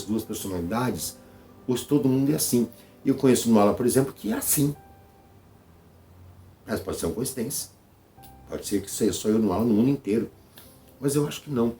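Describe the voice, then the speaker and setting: A man's voice: medium pitch, warm tone. A man with a Brazilian Portuguese accent hosting his channel in a casual vlog monologue, talking conversationally, repeating phrases and checking in with his listeners. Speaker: channel host.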